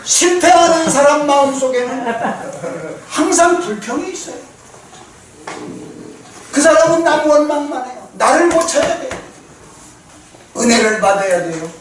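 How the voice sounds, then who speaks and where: Male pastor, high voice, lively sermon recorded from a distance in a reverberant church. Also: unhurried, pauses often, noisy background. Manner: asks the congregation questions, acts out quoted spouses. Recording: echoey church hall from far off.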